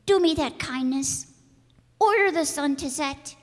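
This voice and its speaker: A woman's voice: high-pitched, measured pace. A woman playing a curious, innocent little boy prince in a radio play, earnest, candid and wide-eyed. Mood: eager. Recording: echoey hall, long reverb.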